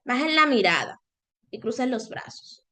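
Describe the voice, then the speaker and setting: A woman leads an online webinar in a high voice. She talks straight to her participants, and her delivery is expressive, moving between louder and softer passages and changing her intonation as she goes. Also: normal speed. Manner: expressive, varies loudness and intonation on purpose. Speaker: webinar presenter.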